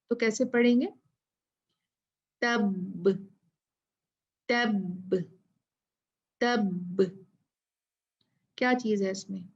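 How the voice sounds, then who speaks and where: A woman teaching a Tajweed lesson, drilling syllables slowly and repeating them for students to echo. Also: medium pitch, darkish tone. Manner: drawn-out chanted recitation of verses. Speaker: Quran recitation teacher. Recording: dull lo-fi sound.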